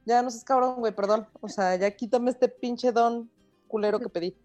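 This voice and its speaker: A woman's voice: a little high, steady tone, moderate pace, a little mellow, natural voice. Greedy whiny king voiced by a woman, pleading, crude slang, faint music. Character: greedy king, panicked and regretful man.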